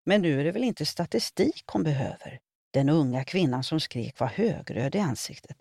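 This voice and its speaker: A woman reading her own humorous column aloud with wry, expressive storytelling. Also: low voice, creaky, dry recording, clean studio sound. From Sweden.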